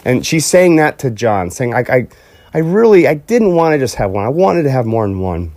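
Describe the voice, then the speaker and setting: A man's voice: medium pitch, very animated, normal speed, a little mellow, no echo. A man casually retelling a story as a podcast host, rambling with fillers and restarts and acting out quotes in a livelier voice.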